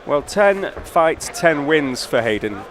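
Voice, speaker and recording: A man's voice: fairly high pitch, sing-song, slow, crowd noise. A man giving live boxing commentary as the lead commentator at ringside. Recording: clear venue noise behind commentary.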